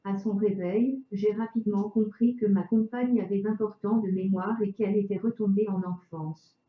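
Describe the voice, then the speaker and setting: A synthetic woman's voice narrates a prepared script in a chipper text-to-speech manner. The pitch sits in an ordinary middle range and the words come out evenly articulated. The sound is dull and lo-fi, with a clear roomy echo around the voice. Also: steady tone, normal speed. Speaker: video narrator. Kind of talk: scripted self-introduction narration.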